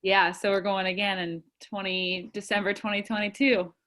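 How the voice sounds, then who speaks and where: A woman's voice: medium pitch, little pitch movement, normal speed, a bit bright. A woman in her twenties, a guest in a casual interview, chatty and upbeat with many fillers. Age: 20s.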